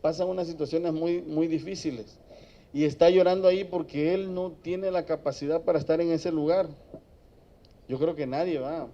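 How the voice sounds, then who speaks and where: A man speaks as a psychologist to a room of students, his voice dark and mellow. He tells stories in a loose, conversational way and keeps checking that the audience follows. The recording is muffled and lo-fi. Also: fairly high pitch, fairly even intonation, moderate pace. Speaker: psychologist giving an addiction-prevention talk. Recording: dull lo-fi recording.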